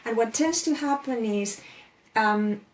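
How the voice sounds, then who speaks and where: A Spanish woman in her forties, speaking with a Spanish accent, is a guest life coach in a casual video-call interview. She talks thoughtfully and slowly in a high-leaning voice, with fillers and restarts, and the recording quality is low.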